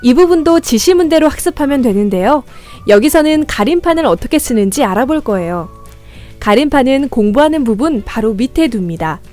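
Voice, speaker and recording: A woman's voice: sits high, lively intonation, fairly quick, mellow, soft background music. Friendly woman guiding a study lesson. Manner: friendly, encouraging, addresses viewers as students. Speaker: lesson guide. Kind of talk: scripted instructional narration.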